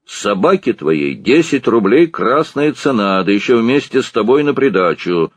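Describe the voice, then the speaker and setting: A man reading an audiobook, voicing a fat, pompous doctor who talks in a domineering boom. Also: big pitch swings, moderate pace, husky, no room sound. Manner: bossy, booming.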